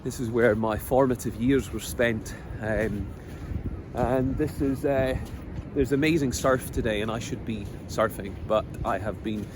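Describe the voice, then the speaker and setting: A middle-aged vlogger from Scotland thinks aloud about his life in a reflective monologue, speaking haltingly and earnestly at a typical male pitch, with ums filling his pauses. He's outside by the sea, where vehicles and street noise are clearly audible.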